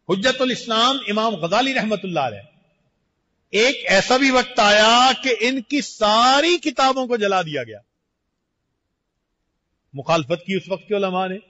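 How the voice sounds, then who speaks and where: An older man giving a measured, deliberate sermon as a Sufi sheikh, slowing for emphatic phrases. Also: sits high, sharp tone. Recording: muffled recording in a reverberant hall.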